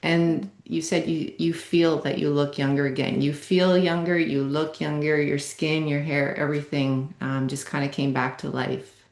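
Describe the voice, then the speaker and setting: A woman's voice: low-pitched, little pitch movement, moderate pace, a little mellow, echoey room. A woman coach interviewing a client, speaking in an encouraging, affirming way. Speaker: wellness coach and program host. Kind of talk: casual interview.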